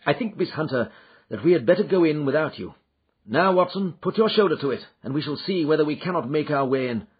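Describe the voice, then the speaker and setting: A man playing a keen, commanding Victorian detective, talking high, brisk and emphatic on a dull recording. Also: animated, breathy edge. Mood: urgent.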